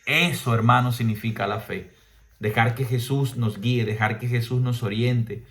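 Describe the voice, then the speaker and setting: A male priest giving a homily, preaching with emphatic rhetorical questions and now and then mimicking people in a higher voice. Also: fairly even intonation, normal speed, a bit bright.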